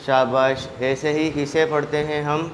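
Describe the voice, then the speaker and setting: A man from Pakistan teaching a children's language lesson, sounding out letters slowly and praising the class after each one. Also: on the high side, slight background noise. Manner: slow, drawn-out letter sounds with steady praise. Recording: echoey room, faint ambience.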